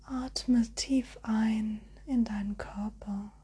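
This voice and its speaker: A woman guiding a relaxation hypnosis in a soft, soothing, airy spa whisper with gentle suggestions. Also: a little high, steady tone, very slow, slightly rough. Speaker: hypnosis guide.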